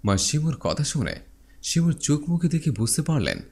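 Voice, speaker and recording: A man's voice: sing-song, moderate pace, darkish tone, husky. A man narrating a dramatized story and giving each character a voice of its own. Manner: voices every character with shifts in pitch.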